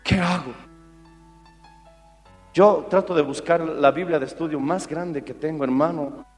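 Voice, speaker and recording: A male pastor preaching a sermon in an animated storytelling way, acting out what people said. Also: fairly high pitch, unhurried. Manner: animated storytelling, acts out quotes. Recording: reverberant hall with faint music.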